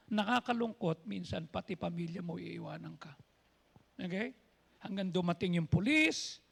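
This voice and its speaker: A man's voice: sits high, creaky, breathy edge. A man preaching a sermon as pastor, telling stories and acting out what people said, slipping English phrases into his talk. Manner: storytelling preacher, quoting people in voices. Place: church.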